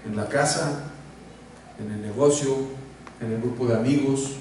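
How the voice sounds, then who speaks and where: A man preaching a sermon as a pastor, lively and acting out complaints in a raised voice. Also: medium pitch, unhurried. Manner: animated, acts out complaints in a raised voice. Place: church hall. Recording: echoey church hall, from far off, faint noise.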